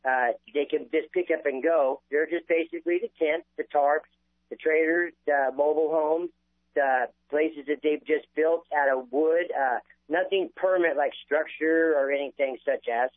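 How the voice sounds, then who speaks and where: A man calling into a radio talk show over a crackly phone line that fades in and out, talking haltingly with lots of fillers. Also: on the high side, steady tone, dry recording. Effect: crackly phone line fading in and out. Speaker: caller. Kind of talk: call-in radio interview.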